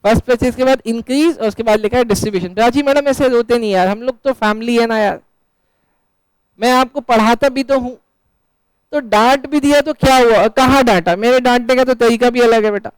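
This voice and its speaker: High-voiced teasing male teacher. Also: a little fast, smooth, dry recording, low-quality recording. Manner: asks questions and answers them himself; teasing, chatty banter with students. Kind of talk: live classroom lecture. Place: classroom.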